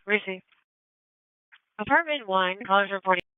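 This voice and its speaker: Heard over a tinny narrow-band scanner feed, a female police and fire dispatcher reads out incidents and numbers in a crisp, procedural style that sounds scripted. Her mid-range voice is animated and clean, at a normal speed with no echo.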